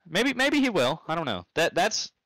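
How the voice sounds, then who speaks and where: A man's voice: fairly high pitch, normal speed, crowd noise, rough recording. A man commentating and interviewing a driver in a chatty, stumbling casual way. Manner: lively, chatty, stumbles and repeats words.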